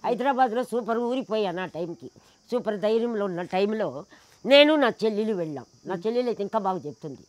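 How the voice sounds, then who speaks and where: A woman's voice: medium pitch, expressive, fast, a little mellow, no echo. A woman in an interview, telling a personal story with emphasis, acting out the people in it and firing off indignant rhetorical questions. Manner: acts out the people in her stories.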